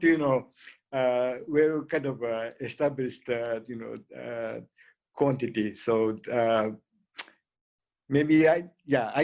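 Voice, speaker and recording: A man lecturing on physics, his pitch sitting squarely in the middle of the male range. He speaks haltingly, stopping often on filler words between phrases as he answers questions. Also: darkish tone. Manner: halting, heavy "you know" and "uh" fillers.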